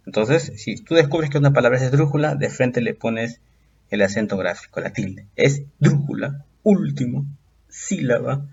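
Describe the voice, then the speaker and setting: Patient male exam-prep teacher, dull audio. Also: medium pitch. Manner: patient, explains step by step with checking questions. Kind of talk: recorded video lesson.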